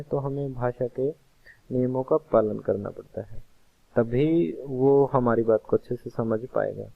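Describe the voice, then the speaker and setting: A male teacher working through a computer science lesson at an unhurried pace, restating each point in other words. His voice has a gravelly, creaky edge. The audio is narrow and tinny, like a phone line. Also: medium pitch. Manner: slow, patient explaining with repeated rephrasing.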